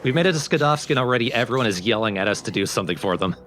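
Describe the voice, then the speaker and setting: Rapid-fire and lively in intonation, a medium-pitched, somewhat bright male voice narrates a let's play, casually explaining each step. Game music plays behind him, with slight background noise.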